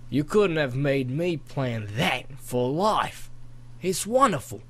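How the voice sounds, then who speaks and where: A good-natured storybook dragon drawls "mate" in a put-on Australian accent, as a man reads him. His voice bounces up and down and sits a little high for a big beast. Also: lively intonation, slow. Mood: friendly. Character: friendly old male dragon, chatty, Australian-sounding. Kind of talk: amateur audiobook character voice.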